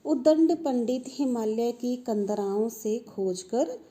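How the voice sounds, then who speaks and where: A woman teacher talks students step by step through an exam paper. Her voice sits fairly high but sounds mellow and soft. She repeats the key points with patient emphasis. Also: lively intonation, takes it slowly. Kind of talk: exam paper walkthrough lesson.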